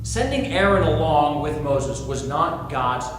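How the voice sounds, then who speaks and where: Slow, earnest pastor in an echoey hall. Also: male voice, a little high, slight background noise. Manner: earnest, animated storytelling with rhetorical questions. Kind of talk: sermon.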